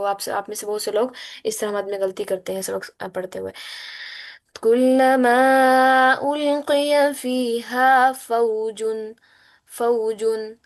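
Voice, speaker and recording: A woman teaching an online Quran recitation class, explaining letter sounds patiently and chanting verses in a slow, melodic way. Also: mid-range voice. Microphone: computer mic on a video call.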